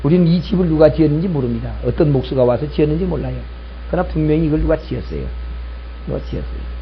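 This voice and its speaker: A man's voice: on the high side, animated, very fast, lo-fi sound, slight background noise. A male pastor preaching a sermon, telling a story and acting out both sides of an argument, repeating key lines for emphasis.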